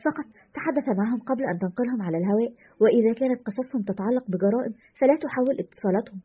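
A stubborn, rebellious radio host with a dry, defiant way of talking, voiced by a woman reading a story. The voice is a little high and husky, and the lines go fast. The recording sounds dull and lo-fi.

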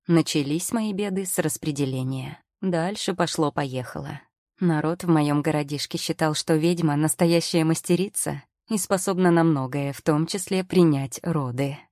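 A woman's voice: low voice, normal speed, a little mellow, dry recording. A woman narrating an audiobook in the first person with a wry, ironic storytelling manner, recorded on a close studio mic.

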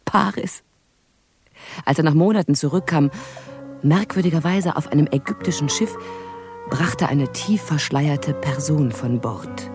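Voicing a haunted young prophetess in a radio drama, an actress speaks in the first person with intense delivery that sinks to whispers. Her voice is low and a little slow, with frequent pauses over music, and the mood is brooding.

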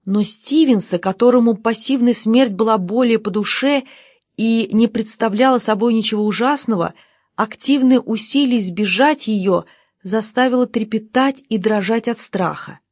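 A woman narrating an audiobook in a measured, even reading. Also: on the high side, no echo, clean studio sound.

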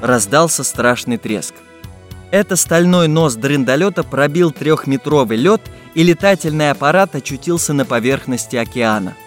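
Lively male fairy-tale narrator. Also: a little high, normal speed, soft background music. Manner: lively, expressive storytelling. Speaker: audiobook narrator. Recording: dry studio voice with long reverb.

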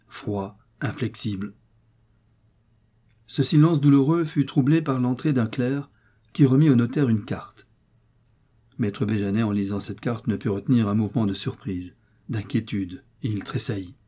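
A man narrating a classic novel in a measured, sombre reading. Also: lowish voice, dark tone, husky. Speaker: audiobook narrator. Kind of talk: scripted literary narration.

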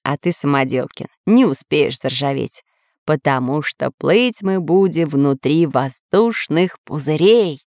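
A woman doing a low, calm old professor. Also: measured pace, no echo, studio quality. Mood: calm explaining. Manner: calm, explaining, reassuring. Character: calm, wise old male professor scientist.

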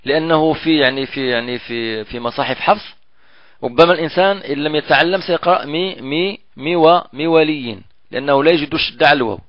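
A man teaching Quran recitation in a recorded lesson, patiently explaining and repeating example words slowly. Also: fairly high pitch, no room sound. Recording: dull, dry lo-fi recording.

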